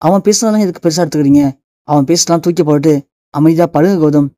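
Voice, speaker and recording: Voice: mid-range voice, fast talker, mellow, no echo, clean studio sound, natural voice. A narrator voicing a caring young wife who anxiously soothes her husband. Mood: soothing.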